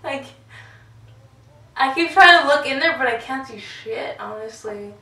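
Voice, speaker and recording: A young woman with a high, bright voice talks casually, often dropping to a self-mocking mumble and swearing freely. She sounds a little far from the mic in an echoey room. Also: animated, a little slow. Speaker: vlog co-host. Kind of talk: casual tipsy chat. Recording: echoey room, camera mic from a distance, faint noise.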